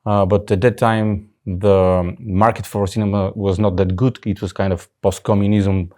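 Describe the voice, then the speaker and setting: A man in his forties from Bulgaria with a Bulgarian accent, telling his story as a photographer guest in a relaxed interview. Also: on the low side, moderate pace. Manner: relaxed, loose sentences with fillers and restarts. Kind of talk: casual interview chat.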